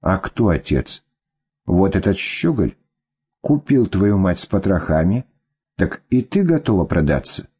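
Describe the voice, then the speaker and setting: A man's voice: low voice, very animated, measured pace, mellow, slightly rough, exaggerated voice. A man voicing a whiny, self-pitying middle-aged ex-husband who pleads and sulks. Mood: pleading. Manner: pleading, whining.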